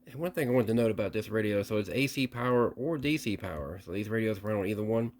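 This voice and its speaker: A man with a somewhat low, darkish voice gives a casual hands-on demonstration, explaining in a halting, repetitive way like a repair hobbyist presenting a video.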